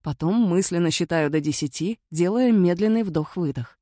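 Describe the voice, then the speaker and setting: A woman reading a first-person story aloud as an audiobook narrator, unhurried and smooth. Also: on the low side, dark tone, no echo, studio quality.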